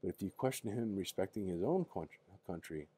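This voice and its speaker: An older man with a grandpa voice reads a history book aloud in a casual bedtime manner, halting now and then and rereading words he stumbles over. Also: sits low, animated, warm tone. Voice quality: husky grandpa voice.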